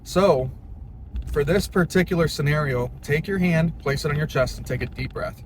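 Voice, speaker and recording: A man's voice: a little high, normal speed. A young man giving a casual, plain-spoken how-to talk in an informal way, like a hobbyist teaching a skill. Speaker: hobby duck caller giving a tutorial. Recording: noisy, with car and ambient noise.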